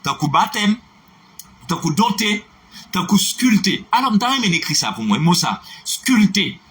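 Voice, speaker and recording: A man's voice: high voice, very animated, unhurried, fairly bright tone. A man with a Haitian accent giving a live French pronunciation lesson, spelling words out letter by letter and greeting viewers by name. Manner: spells words letter by letter, checks understanding, switches into Creole. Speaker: French teacher on a live online class. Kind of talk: live-streamed language lesson.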